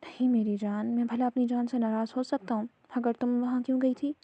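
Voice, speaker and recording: A woman voicing a tender husband who speaks softly and soothingly to his wife. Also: on the high side, flat delivery, dry recording, dull audio, natural voice. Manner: soft, soothing. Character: tender loving husband, police officer.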